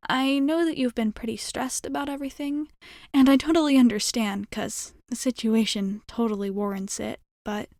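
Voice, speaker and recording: In a soft-spoken ASMR roleplay, a woman plays a friendly, optimistic alien pilot who reassures the listener in a hesitant, apologetic manner. Her natural voice is fairly high-pitched, with a dry, studio-quality recording.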